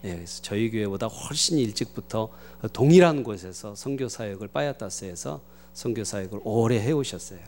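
A man, the host pastor, introducing a guest preacher to his congregation with halting speech and many fillers. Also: on the low side, expressive, a little mellow, a little hiss or hum. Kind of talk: church introduction.

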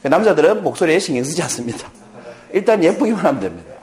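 A man's voice: a little high, sing-song, fast, darkish tone. A middle-aged man giving a lecture, playful and joking as he quizzes his audience. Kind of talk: lively lecture with audience questions.

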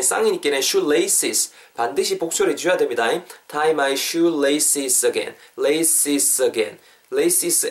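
A man hosting a casual English lesson podcast, lively and playful, acting out little everyday scenes. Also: on the high side. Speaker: English teacher and podcast host. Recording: voice a bit far from the mic.

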